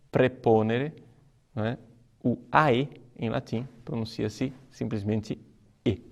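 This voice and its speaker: A man preaching as a priest, earnest and emphatic, slowing down to stress key words. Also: medium pitch, creaky, darkish tone. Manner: earnest, emphatic teaching with slow deliberate stresses. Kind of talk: sermon.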